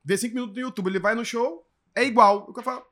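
High-voiced Brazilian man in his forties. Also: racing. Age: 40s. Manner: animated, acts out quoted voices with big pitch jumps. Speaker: stand-up comedian. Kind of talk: casual chat.

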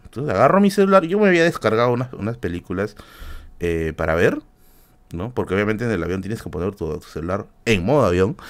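A man with a Peruvian Spanish accent telling a story in a casual, comic way, swearing freely and dropping in fillers and tag questions. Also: mid-range voice. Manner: animated, profane, many fillers and tag questions. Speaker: podcast host.

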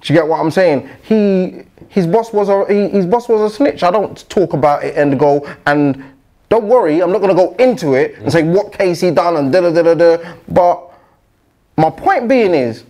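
A man's voice: high voice, animated, moderate pace, mellow. A man with a London roadman accent in casual podcast chat, using street slang and frequent tag questions. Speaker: podcaster being interviewed.

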